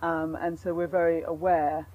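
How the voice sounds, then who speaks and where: Woman landowner, flat even voice. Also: low-pitched, moderate pace, highs cut off, a little hiss or hum. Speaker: farm owner. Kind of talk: casual interview.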